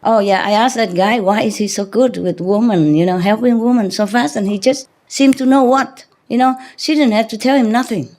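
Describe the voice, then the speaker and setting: Talking at a moderate pace with few pauses, a woman spiritual teacher with a fairly high, slightly mellow voice shares rambling anecdotes with a group. She's chatty and teasing, bantering with them and frequently chuckling.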